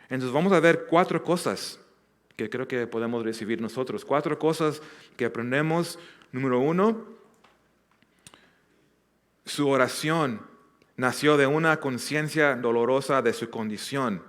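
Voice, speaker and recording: A Southern California pastor teaches a Bible passage verse by verse in a mid-range, slightly bright voice. He speaks earnestly and a little slowly, with long pauses, frequent restarts and repeated words, and acts out the quoted lines.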